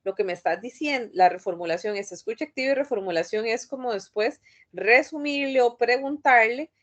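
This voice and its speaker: A woman teacher lectures in a calm, thoughtful way. She stops often with fillers and restarts her sentences while she explains. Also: on the high side, brisk. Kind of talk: online class lecture.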